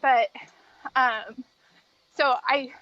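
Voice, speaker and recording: A woman with a high voice chats casually as a podcast guest. She speaks in an easygoing, chatty interview style, and the audio is a bit dull and lo-fi. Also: fairly even intonation, drawn-out words. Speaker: podcast guest, treadmill runner.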